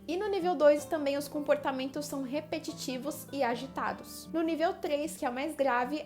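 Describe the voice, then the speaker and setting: A young Brazilian woman with a high voice explains a topic to her viewers in a chatty, casual way. She talks straight to the audience as a student presenter. Faint music plays softly beneath her voice. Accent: Brazilian Portuguese. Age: young adult. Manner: chatty, addresses viewers directly.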